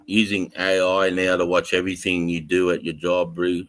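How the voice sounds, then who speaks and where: A man's voice: low-pitched, monotone, moderate pace, a bit bright. An Australian man hosting a livestream, chatting and telling stories casually in a blokey way with plenty of swearing. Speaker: livestream host. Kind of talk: casual livestream chat and storytelling.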